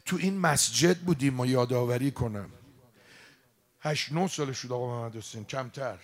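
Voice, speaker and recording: A man preaching in a mosque gathering, telling devotional stories with passion and speaking directly to the congregation. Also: medium pitch. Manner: impassioned, addresses the congregation directly. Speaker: religious eulogist preacher. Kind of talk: emotional sermon storytelling.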